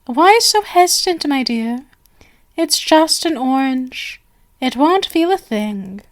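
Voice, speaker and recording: Speaking slowly and expressively in a high register, a woman voices a stage magician who is friendly on the surface but sinister underneath for an ASMR roleplay. Her tone is playful and teasing as she dotes possessively, showering the listener with flowery, coaxing pet names.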